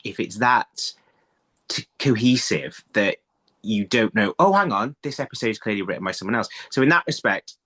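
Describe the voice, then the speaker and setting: The speaker is a middle-aged audio drama writer appearing as an interview guest via video call, using a phone in a small room at home. His lowish voice is animated and a bit bright, moving at a moderate pace. He speaks casually and rephrases himself mid-thought.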